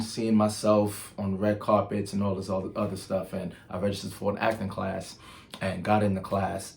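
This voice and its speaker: The voice here is fairly low and creaky, with slight background noise behind it. He's a Nigerian man talking casually on his own channel, storytelling in a chatty style with filler ums and restarts.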